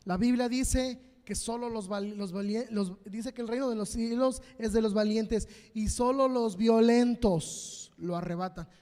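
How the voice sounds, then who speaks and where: A man with a Mexican Spanish accent preaching a sermon as pastor, fervent and repetitive, swinging between loud and quiet. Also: very high voice, steady tone, moderate pace, few pauses, in a large hall. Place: church hall.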